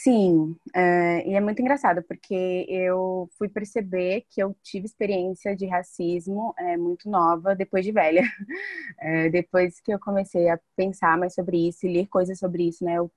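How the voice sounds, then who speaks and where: Female interviewee in her 20s, lowish voice, dry recording, halting delivery. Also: steady tone, a little mellow, no room sound. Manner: hesitant, many fillers. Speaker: interviewee, education student. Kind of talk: testimony interview.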